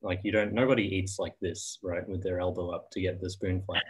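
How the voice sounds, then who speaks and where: A man demonstrating spoon carving on a video call, talking in a soft, hesitant way with frequent ums and restarts. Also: low-pitched, flat delivery, brisk, breathy edge, rough recording. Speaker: spoon carver giving a demo. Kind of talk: casual video-call discussion.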